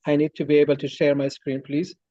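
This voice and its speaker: A man's voice: a little high, completely flat delivery, fast talker, dark tone, no room sound, highs cut off. A man from Morocco giving a webinar talk from a coffee shop over an online call, with many fillers and restarts. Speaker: guest speaker. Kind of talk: webinar presentation.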